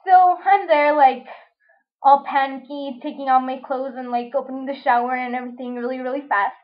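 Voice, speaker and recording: A woman's voice: high voice, fairly even intonation, a little fast. A young woman vlogger telling a story casually and dramatically, swearing often and full of fillers, on a dull lo-fi recording.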